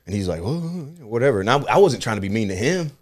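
Fast-talking, profane comedian telling a story. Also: male voice, on the low side, sing-song. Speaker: comedian and podcast host. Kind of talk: casual storytelling chat.

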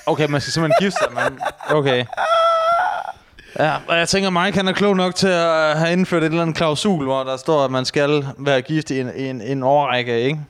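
A man's voice: a little high, fairly bright tone, slight background noise. A man chatting casually as a podcast co-host, teasing and irreverent. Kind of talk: casual banter.

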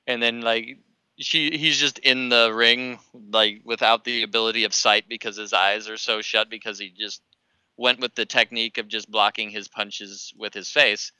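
Man, co-host, joking, low voice, very bright crisp tone. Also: flat delivery, normal speed, no echo, rough recording. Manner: joking, laughs often. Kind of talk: casual chat.

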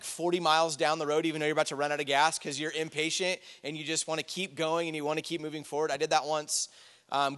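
A man's voice: fairly high pitch, fairly bright tone. A man, preaching a casual, conversational sermon with personal stories, chatty asides and fillers. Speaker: pastor. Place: church sanctuary. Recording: church hall with long reverb.

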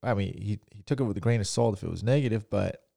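A man with a low, gravelly voice and a mellow, dark tone, chatting casually. He talks earnestly but haltingly, circling back and restarting his phrases. The sound is dry and close. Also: dry recording. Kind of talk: casual chat.

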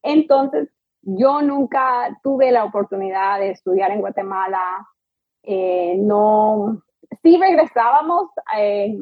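A woman's voice: mid-range voice, slow, no echo, muffled recording. A middle-aged woman, a native English speaker, chatting in an interview as a guest lawyer, with lots of fillers and restarts. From United States. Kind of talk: conversational interview.

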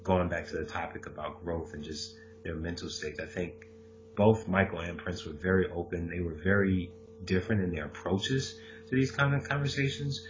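Soft background music accompanies a man with a low-sitting voice speaking at normal speed. He's co-hosting a podcast, keeping the conversation casual and animated, frequently laughing and performing quotes. The recording sounds dull and lo-fi.

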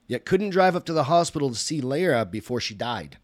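A man's voice: medium pitch, sing-song, fairly quick, no echo, pitched above the performer's own voice, close to an everyday voice. A man reading the lines of a sullen, grieving teenage boy, curt and sarcastic, in a dry recording. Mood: bitter.

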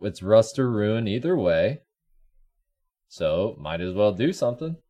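A man's voice: fairly low pitch, sing-song, unhurried, mellow. A man playing a tabletop game, speaking casually in character. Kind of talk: casual in-character role-play.

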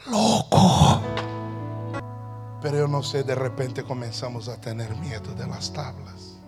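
A male preacher giving a sermon, telling stories in an animated way that bursts into shouted exclamations. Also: medium pitch, takes it slowly, over music.

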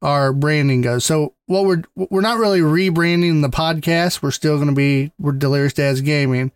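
A man co-hosts a gaming podcast in relaxed chat. His voice sits a little high and sounds smooth and resonant. The mic is close and dry. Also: moderate pace, no room sound. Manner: easygoing, laughs often, repeats words. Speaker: podcast co-host. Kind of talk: casual chat.

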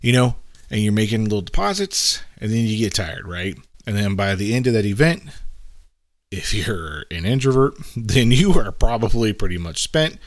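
A man's voice: on the low side, lively intonation, normal speed, no room sound, clean studio sound. A middle-aged man talking casually in a monologue, giving leadership advice and often asking "right?". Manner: conversational, often asks "right?".

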